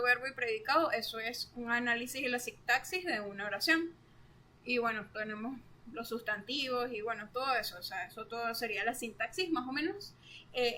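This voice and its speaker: Bright-voiced young woman explaining. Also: on the high side. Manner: chatty, full of fillers like "bueno" and "o sea". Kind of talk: casual study explainer.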